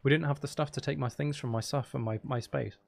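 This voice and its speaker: Rambling and teasing, this gaming livestream host keeps his chat casual and playful, though he seems somewhat tired. His voice is gravelly and mid-range, with a steady tone and a quick pace.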